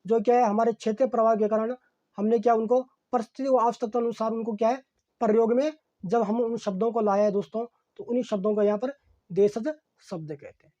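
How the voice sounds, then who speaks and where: Mellow-voiced male teacher drilling a grammar lesson. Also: sits high, fairly even intonation, highs cut off. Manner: repetitive, asks himself rhetorical questions and answers them; fills pauses with "okay, friends". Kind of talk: exam-prep grammar lesson.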